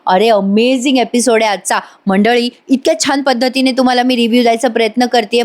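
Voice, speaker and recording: A woman narrating a lively recap of a TV serial episode, addressing her viewers directly as a reviewer. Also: fairly high pitch. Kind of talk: storytelling recap voice-over.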